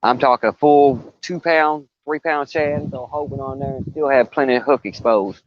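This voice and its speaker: A man's voice: mid-range voice, moderate pace, muffled recording, a little hiss or hum. An older man, chatting casually on a live fishing stream from a riverbank and telling stories with stumbles and restarts. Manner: rambling, folksy storytelling with stumbles and restarts. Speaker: fishing livestreamer. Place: outdoors on a riverbank.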